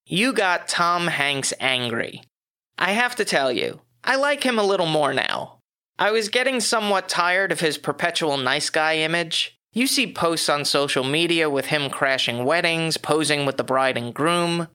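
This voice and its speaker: A podcast host reads his scripted movie review aloud, adding dry, wry asides. A cough has left his fairly high, sharp voice a little hoarse, and he speaks expressively without hurrying.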